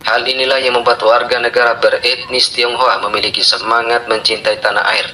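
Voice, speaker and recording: Bright-voiced male documentary narrator. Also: medium pitch, level tone, poor audio. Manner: formal, measured reading. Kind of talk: scripted narration.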